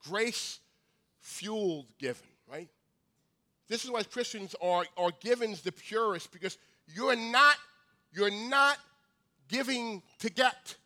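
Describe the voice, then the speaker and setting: A man's voice: high-pitched, bright, forceful tone. A man preaching a storytelling sermon in an emphatic, conversational way, often repeating words. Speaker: pastor.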